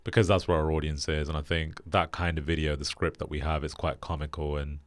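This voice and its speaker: A young British man hosting a casual podcast chat, relaxed and flat in delivery with lots of fillers. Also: very deep voice, a little fast, no room sound. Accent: British English. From Britain. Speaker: podcast host.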